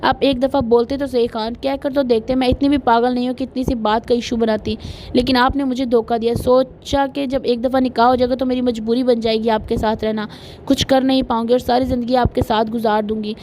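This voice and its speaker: A young woman's voice, hurt and stubborn, pleading through tears in an audiobook romance, as a woman narrator puts her on. The voice sits fairly high. She sounds emotional and wounded. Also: a little mellow, a little hiss or hum, close to an everyday voice. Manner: pleading, tearful outbursts.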